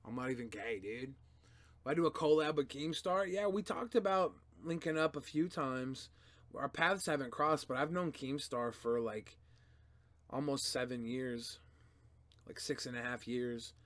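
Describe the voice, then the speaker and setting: A young man hosting a casual stream answers his chat a little slowly, his medium-pitched voice laced with profanity as it swings between quiet mumbling and loud outbursts.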